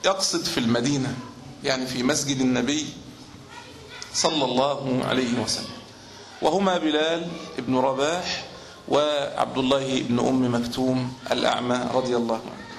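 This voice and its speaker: A man giving a religious lesson, explaining texts at a measured pace and now and then chanting phrases to show how they are done. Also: mid-range voice, fairly even intonation, gravelly. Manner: measured explanation, sometimes chants the call to prayer to demonstrate. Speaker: Islamic teacher. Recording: echoey room with faint ambient noise.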